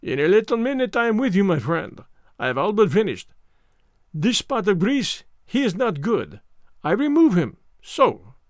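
A man's voice: high voice, big pitch swings, normal speed, no room sound, clean studio sound. A man voicing a fussy, vain little detective who speaks in prim, precise foreign-sounding English.

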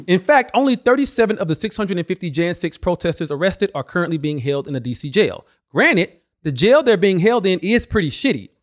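A man's voice: sits high, sing-song, fairly quick, hardly any pauses, faint music behind. A man delivering scripted political commentary as a host, with a sarcastic, mocking manner.

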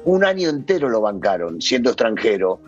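A former player turned sports pundit, a man with an Argentine Spanish accent, argues his point insistently in a studio debate. His mid-range voice is sing-song and a bit fast, with lo-fi sound and faint music in the background.

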